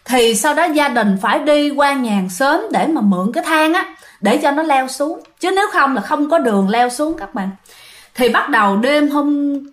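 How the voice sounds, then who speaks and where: A woman with a Southern Vietnamese accent telling a ghost story in a chatty way, often addressing her listeners directly. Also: high-pitched. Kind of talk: casual spoken ghost storytelling.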